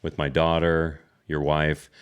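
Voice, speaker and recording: A middle-aged man hosting a casual Bible discussion podcast, animated, laughing often and repeating words when excited. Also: very deep voice, takes it slowly, clear, resonant tone, dull audio. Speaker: podcast host.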